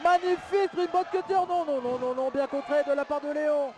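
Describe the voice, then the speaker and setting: A man doing live wrestling play-by-play commentary, excitable and full of exclamations, drawing out his calls of the big moves. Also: extremely high pitch, fairly quick. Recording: live event with crowd noise. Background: crowd.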